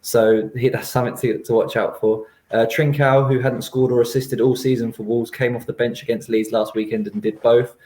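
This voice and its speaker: Casting note: male analyst, brisk team-news rundown, roomy echo. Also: mid-range voice, little pitch movement, darkish tone. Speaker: football analyst. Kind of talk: match preview.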